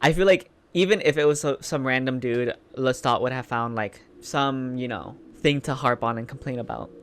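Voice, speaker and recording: A man's voice: medium pitch, steady tone, moderate pace, a bit bright, clean tone. A man giving casual, chatty reaction commentary, informal and emphatic, repeating phrases for emphasis. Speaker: reaction video host.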